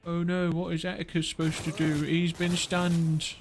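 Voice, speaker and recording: A man's voice: on the high side, completely flat delivery, moderate pace, soft background music. Muttering male game streamer. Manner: muttering to himself, thinking aloud. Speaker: streamer playing a strategy game. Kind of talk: casual gameplay commentary.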